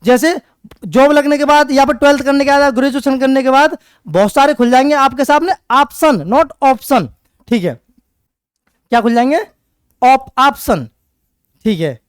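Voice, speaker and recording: Male tutor, high and clear voice, drills words by repetition, dry close sound. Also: moderate pace, long pauses, no room sound. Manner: repetitive call-and-response drilling; writes on a board while explaining. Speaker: English teacher. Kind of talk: exam-prep classroom lecture.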